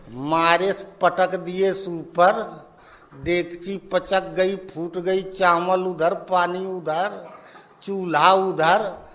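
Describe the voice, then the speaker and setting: Spiritual teacher, male; unhurried storytelling sermon, higher-pitched delivery. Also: a bit bright. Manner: slow, folksy storytelling with acted-out dialogue.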